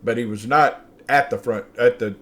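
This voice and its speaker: An older man hosting his own show, telling a personal story in an animated way, acting out the dialogue and laughing mid-sentence. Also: medium pitch, normal speed. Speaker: show host.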